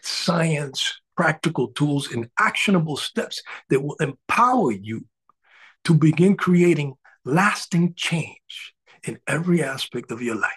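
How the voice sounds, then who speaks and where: Husky-voiced man giving a spiritual talk. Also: a little high, expressive, unhurried. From Dominican Republic. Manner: earnest, with frequent filler sounds and soft chuckles. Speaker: spiritual coach. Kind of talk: live presentation to an audience.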